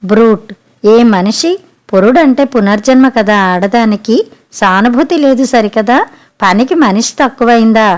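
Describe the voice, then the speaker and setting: Outspoken young gal, sharp and questioning, storybook reading, a bit high voice , read by a woman. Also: measured pace, natural voice. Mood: indignant.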